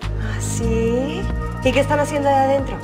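A woman's voice: high-pitched, recorded from a distance, lightly acted. An actress playing a jealous woman who fires suspicious questions at a secretary in a telenovela scene. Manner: quick suspicious questions, later stiff apology. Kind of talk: telenovela acting. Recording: off-mic clip from a TV series. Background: music.

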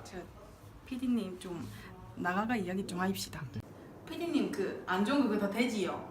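An actress playing a pushy middle-aged churchgoing mother and wife with a Gyeongsang accent, scolding loudly and sighing aigo. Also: medium pitch, expressive, normal speed, reverberant, noisy background, lightly acted. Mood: coaxing. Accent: Gyeongsang Korean. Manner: loud, scolding, exclaims aigo often. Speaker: actor in church drama skit. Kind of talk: stage skit acting.

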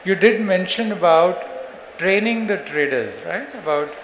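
A man from the audience asking polite, fairly quick questions at a conference. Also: high voice, expressive, fairly bright tone. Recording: echoey room, faint noise.

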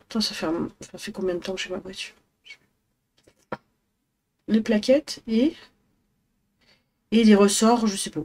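A young woman with a northern French accent chats casually at home for her vlog. She speaks slowly and hesitantly, full of fillers, at a middling pitch. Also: a little mellow, slight background noise. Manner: rambling, hesitant, many fillers. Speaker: vlogger. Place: apartment at home.

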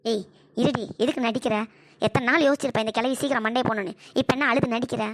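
A woman's voice: fairly high pitch, fairly even intonation, fast, dry recording, clean studio sound, close to an everyday voice. A woman voicing a brash, scheming elder daughter-in-law in a cartoon comedy. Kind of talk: cartoon voice acting.

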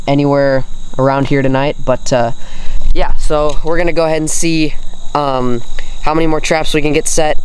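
A man's voice: medium pitch, slight background noise, rough recording. A teenage boy talking casually to viewers while he works outdoors on a farm, full of ums and uhs, recorded on a camera mic. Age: teens. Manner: relaxed, frequent ums and uhs, addresses viewers as guys. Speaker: vlogger. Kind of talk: casual outdoor vlog narration. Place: outdoors in woods and fields on a farm. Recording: outdoor ambience with insects.

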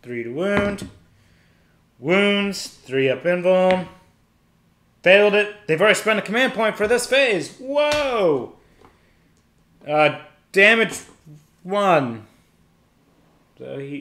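A man's voice: on the high side, lively intonation, measured pace, fairly bright tone. A man casually narrating a solo tabletop wargame, calling out each dice roll step by step and thinking aloud. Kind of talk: casual play-by-play of dice rolls. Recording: echoey room.

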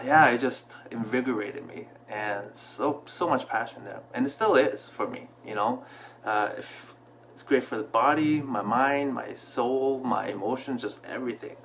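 Man in his thirties, casual storytelling vlog, reflective, mid-pitched voice, faint hum. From Canada. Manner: relaxed, reflective, with frequent fillers and restarts. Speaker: vlogger. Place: small room at home, indoors. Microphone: camera in front at desk distance.

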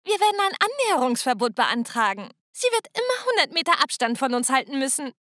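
A woman's voice: sits high, sing-song, brisk, pushed and bright, no room sound, studio quality, exaggerated voice. A woman voicing a smug, scheming teenage sister in a narrated story, sly and mocking in manner.

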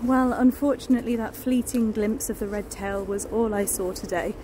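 This casual walking vlog features a chatty, enthusiastic nature vlogger in her thirties, filler-heavy, speaking into an arm's-length phone in woodland and on a beach. Her fairly high voice moves at a moderate pace with fairly even intonation. The outdoor phone recording is noisy, with planes overhead in the distance and general outdoor sound.

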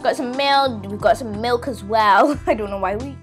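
A young girl with a slightly high voice hosts a relaxed, playful game tour at a normal pace. She chats with viewers in an exclamatory way while music plays in the background.

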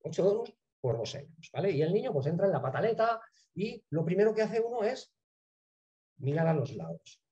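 Man, middle-aged, parent trainer, mellow and husky, checks in with the audience, muffled lo-fi sound. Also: high-pitched, a little fast. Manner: lively, asks "¿sí?" and "¿vale?" often, acts out little scenes. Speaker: emotional education trainer.

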